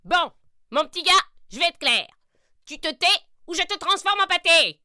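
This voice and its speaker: A woman's voice: extremely high pitch, expressive, normal speed, sharp tone, no room sound, studio quality, voice pushed up, full character voice. A woman voicing a grumpy, bossy witch in a storybook reading, snapping and exclaiming. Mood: gruff.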